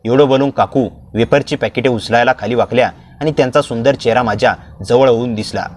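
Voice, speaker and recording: A man narrating a first-person story with steady, plain reading. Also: mid-range voice, brisk, slight background noise.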